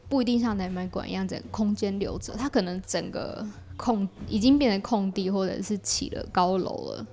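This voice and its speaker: In a relaxed podcast interview, a woman guest describes her creative projects conversationally with a Taiwanese Mandarin accent. Her voice is medium-pitched with a darkish tone.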